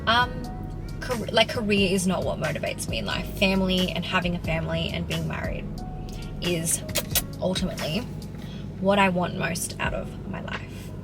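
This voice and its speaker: A woman's voice: fairly low pitch, moderate pace. A young Australian woman in her twenties answering viewer questions in a casual vlog, chatty and full of "like". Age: 20s. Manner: chatty, peppered with "like". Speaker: fitness vlogger. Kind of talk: casual Q&A to camera. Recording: music playing underneath. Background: background music.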